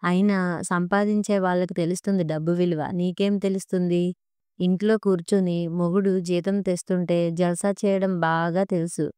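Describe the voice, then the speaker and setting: A woman's voice: lowish voice, level tone, normal speed, clean tone, no echo, clean studio sound, close to an everyday voice. A woman voicing a scornful angry husband. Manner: shouting, mocking.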